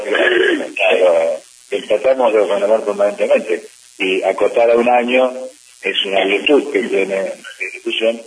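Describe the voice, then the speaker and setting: A middle-aged man, a district governor of a service club, answering press questions in a measured way with frequent hesitations. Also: sits low. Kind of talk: press interview. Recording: distant mic with faint hiss.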